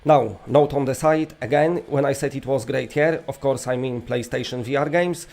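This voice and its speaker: Polish man joking through awards presentation, gravelly edge. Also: medium pitch, moderate pace, darkish tone, a little hiss or hum. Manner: joking, tongue-in-cheek. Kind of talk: casual, rambling awards presentation.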